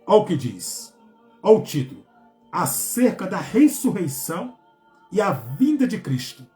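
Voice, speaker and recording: A Brazilian man, a pastor giving a Bible study, who reads verses aloud and speaks every comma and period, with halting restarts. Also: high voice, big pitch swings, a little mellow, echoey room, faint music behind. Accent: Brazilian Portuguese. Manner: halting, with restarts and drawn-out words.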